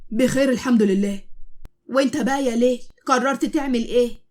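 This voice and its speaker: A woman's voice: a little high, a little fast, a little mellow, lightly acted. A woman with an Egyptian accent voicing a welcoming middle-aged father who greets heartily. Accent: Egyptian Arabic.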